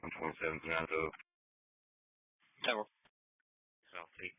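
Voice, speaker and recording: A man's voice: very deep voice, fairly even intonation, a little slow, bright, forceful tone, no room sound. A man, a police officer, speaking over a public safety radio, reading terse codes and call numbers. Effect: heard over a public safety radio. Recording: dry, muffled radio transmission.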